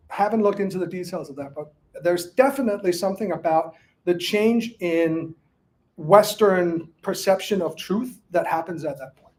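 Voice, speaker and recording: High-voiced man talking, halting and restarting. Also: a little mellow. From Denmark. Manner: halting, many restarts and fillers. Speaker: author answering audience questions. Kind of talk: casual academic Q&A talk.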